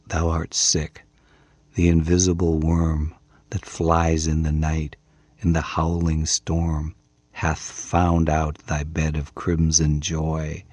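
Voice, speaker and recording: Dreamy, faraway young woman, slow and hushed, read by a man with a very deep, husky voice. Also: no echo, full character voice. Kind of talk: audiobook reading.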